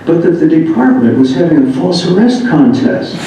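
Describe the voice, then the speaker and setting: This is a very animated American man whose voice sits a little high, reading at a moderate pace from another author's memoir. The humorous first-person anecdotes come across with clear amusement. Sound is dull and faintly noisy, picked up from a distance in an echoey indoor room.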